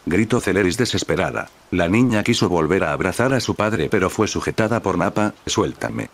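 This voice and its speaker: A man narrating fan fiction aloud in a steady, even reading voice. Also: deep voice, fairly quick. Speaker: fanfiction narrator.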